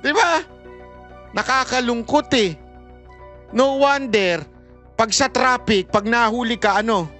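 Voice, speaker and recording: A man from the Philippines vlogs in a loose, chatty commentary, switching between Tagalog and English. His voice sits high and sounds bright and forward. He laughs often as he tells his story, and faint music plays behind him. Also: slow pace, long pauses. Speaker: vlogger.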